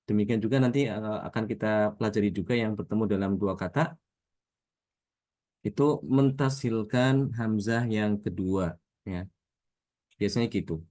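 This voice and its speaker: A man teaching Quran recitation rules in a patient lesson, often drawing out example words slowly and checking in with his listeners. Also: fairly low pitch, darkish tone. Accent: Indonesian.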